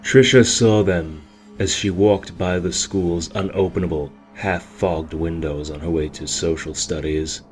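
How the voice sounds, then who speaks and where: A man giving a steady, measured storybook narration. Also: sits low, faint music behind.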